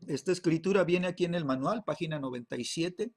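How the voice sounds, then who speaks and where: A man, a pastor, teaching a Bible class, peppering his talk with tag questions and halting repeats. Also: on the high side, darkish tone, husky.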